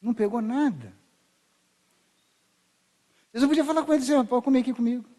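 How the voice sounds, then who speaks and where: High-voiced Brazilian pastor, chatty sermon. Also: male voice, fast, warm tone. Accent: Brazilian Portuguese. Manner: conversational, acts out voices of biblical figures. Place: church.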